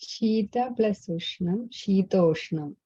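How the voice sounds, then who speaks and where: A woman's voice: mid-range voice, slow, mellow, breathy edge, no echo. A woman with an Indian accent, a student tentatively reciting answers in a class over muffled online call audio.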